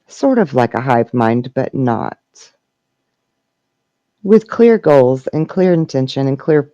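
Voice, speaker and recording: A man acting as a trance medium for a serene, benevolent spirit collective. The voice is mellow and very unhurried, moving in formal, halting phrases like teachings delivered at a seance. The sound is close and dry. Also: on the high side, gravelly, dry recording, lo-fi sound, full character voice. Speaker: trance channeler answering questions. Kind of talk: trance channeling question and answer session.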